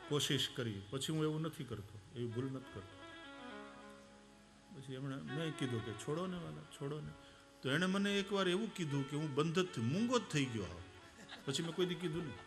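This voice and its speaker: A man's voice: fairly high pitch, moderate pace, long pauses, over music. A man giving a devotional sermon, telling anecdotes, acting out quoted voices and singing verses. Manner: animated, acts out quoted voices, sings verses. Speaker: religious storyteller.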